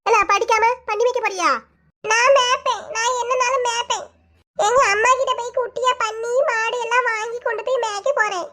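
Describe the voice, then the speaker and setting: A woman's voice: very high-pitched, fairly even intonation, a little fast, sharp tone. A woman voicing a small, stubborn schoolboy who cries and whines in a Kanyakumari Tamil accent, in a cartoon. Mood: crying tantrum. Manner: wailing, whiny, defiant. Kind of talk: cartoon voice acting.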